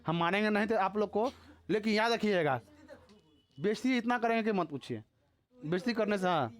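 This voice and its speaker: A male teacher with a Bihari Hindi accent giving a live classroom physics lecture. He keeps quizzing the students, and he scolds and teases them. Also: high-pitched.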